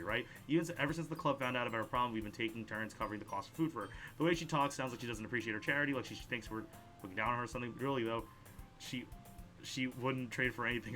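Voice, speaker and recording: A man at a medium pitch hosts a video game playthrough as a let's play host. He reads the dialogue aloud with animation, trips over words, and drops in his own side comments.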